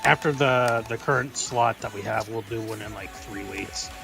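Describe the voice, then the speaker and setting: A man with a gravelly, fry-heavy voice chats on a stream. He speaks haltingly and restarts often, with faint music behind. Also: on the low side. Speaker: stream guest. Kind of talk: casual chat.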